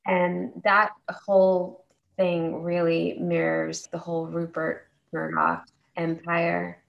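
A woman's voice: lowish voice, flat delivery, slow pace, vocal fry, muffled recording. A woman co-hosting a podcast in casual, informal conversation. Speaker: podcast co-host. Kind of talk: casual chat.

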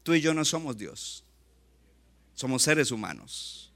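A male pastor preaching a lively sermon, often acting out short asides and quotes. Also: mid-range voice. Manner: animated preaching, acts out quick asides.

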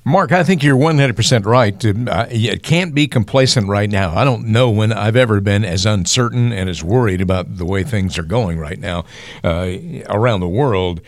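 A man's voice: lowish voice, moderate pace, dry recording. A man co-hosting a radio finance show, reading out the call-in number and asking the host questions in a friendly announcer tone. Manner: friendly announcer tone, reads phone numbers, asks prompting questions. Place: radio studio. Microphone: studio mic.

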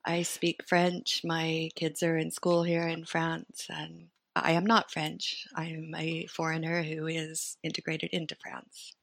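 A middle-aged American woman, a company founder with ties to the United States and Sweden, chats as a guest in a casual interview. Her low voice is monotone, slow and touched with vocal fry, with no echo. She talks freely, thinking aloud with fillers.

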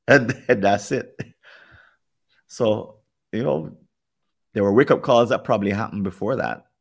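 A man with a Jamaican accent hosts a podcast in a casual, reflective way. His voice sits fairly low and has a gravelly fry to it, and he often speaks directly to the people listening. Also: a little slow, long pauses. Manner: earnest, reflective talk that addresses listeners directly. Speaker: podcast host.

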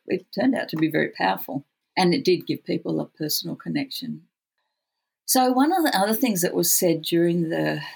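An Australian speaker with a gravelly, husky voice who says w for r, talking reflectively as an interview guest. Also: medium pitch, rough recording. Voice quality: cannot pronounce R's well, says w for r. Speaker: podcast guest, futurist researcher.

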